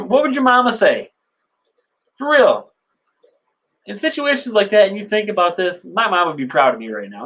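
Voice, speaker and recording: Male solo podcast host with a fairly high voice, crude and profane, laughs often. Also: fairly bright tone. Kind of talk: casual solo chat and joke-telling.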